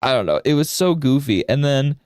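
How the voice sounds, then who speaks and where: A man's voice: medium pitch, lively intonation, fairly quick, a little mellow, clear, resonant tone, no echo, studio quality. A man in his thirties giving a casual live art lesson while drawing, rambling into anecdotes and often checking in with "right?". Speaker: art streamer and instructor.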